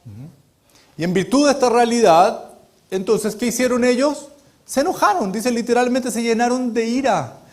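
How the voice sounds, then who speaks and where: A man's voice: very high voice, expressive, moderate pace. A man preaching a sermon in a dramatic, emphatic way, often checking in with the congregation.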